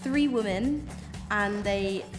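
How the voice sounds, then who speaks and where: A woman's voice: mid-range voice, takes it slowly. A woman chatting casually and tentatively in an interview, with loose, informal phrasing. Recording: reverberant hall with music behind.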